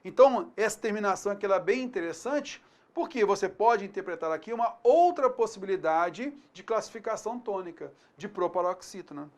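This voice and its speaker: A teacher with a Brazilian Portuguese accent records a grammar lesson for students. He speaks right to the learner and keeps checking in with quick questions. He stretches each example word out slowly, then goes back to a brisk, friendly pace. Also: mid-range voice. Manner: lively, talks straight to the student, checks in with filler words; stretches words slowly when he models them.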